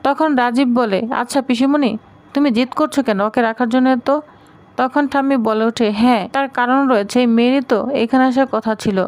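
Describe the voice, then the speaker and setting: A woman's voice: a little high, a little fast, a little mellow, no echo. A woman retelling a serial's plot, voicing each character's lines in her own voice. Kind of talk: story recap narration with quoted dialogue.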